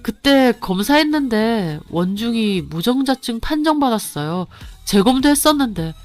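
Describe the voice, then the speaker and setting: A woman voicing a calm male doctor friend on a speakerphone in a radio story, explaining politely and evenly. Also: a little high, moderate pace, soft background music.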